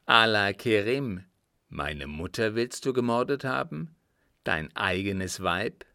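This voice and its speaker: A man's voice: fairly low pitch, lively intonation, takes it slowly, vocal fry, sharp tone, clean tone, dry recording, clean studio sound, full character voice. A man reading aloud, voicing a frightened young son who pleads urgently with his dying father. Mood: alarmed.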